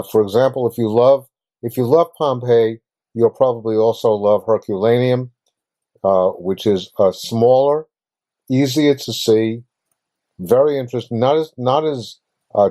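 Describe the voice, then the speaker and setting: A man's voice: mid-range voice, warm tone. A man hosting a travel show, talking casually over slides, patient and explanatory, full of fillers and restarts. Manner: halting, with frequent fillers and restarts.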